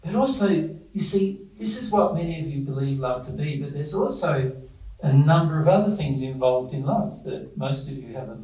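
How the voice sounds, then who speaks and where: A man's voice: mid-range voice, dark tone. A man giving an informal spiritual teaching talk to a small group, conversational and repeating their answers back. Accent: Australian. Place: living room with a small audience. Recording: dull, echoey room from far off.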